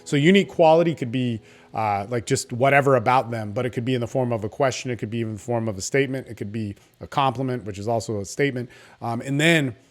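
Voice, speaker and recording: A man's voice: medium pitch, fast. A man giving informal coaching advice in a confident, salesy, casual way, often checking in with "right?". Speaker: dating coach.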